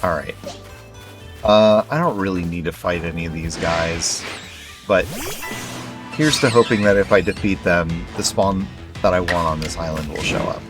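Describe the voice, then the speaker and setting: A male streamer chatting casually at home at night while playing a game, relaxed and rambling with many fillers. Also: low voice, normal speed, music in the background. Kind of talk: casual gameplay commentary.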